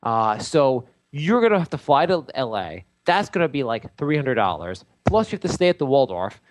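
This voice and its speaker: A man voicing a pompous self-styled male lord and sports insider in an improvised comedy bit, rambling through a grandiose sales pitch. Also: very animated, normal speed, natural voice.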